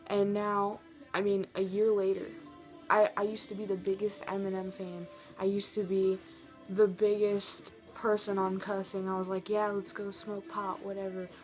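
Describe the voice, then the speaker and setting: A teenage girl telling a personal story in a confessional vlog, earnest and halting, with many restarts. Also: mid-range voice, little pitch movement, a little mellow, faint music behind. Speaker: vlogger.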